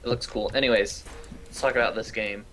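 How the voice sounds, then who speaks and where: A man's voice: fairly low pitch, fairly even intonation, fairly quick, a bit bright, slight background noise. A young man casting an esports match, talking casually with fillers and easy laughs. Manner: chatty, laughs easily, trails off with fillers. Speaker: esports caster. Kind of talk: casual game commentary.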